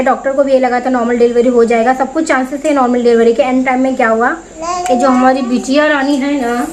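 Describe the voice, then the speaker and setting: A young Indian woman vlogger with a high voice tells a personal story to camera, chatty and animated, acting out the voices of the people she quotes. The recording is rough, with slight background noise.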